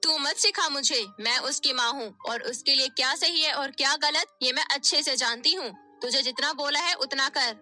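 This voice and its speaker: A woman plays a cruel middle-aged stepmother from a storybook, her high, loud voice snapping out threats and scolding. It has a bright, sharp edge and stays hard and commanding. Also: normal speed, hardly any pauses, soft background music. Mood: harsh scolding.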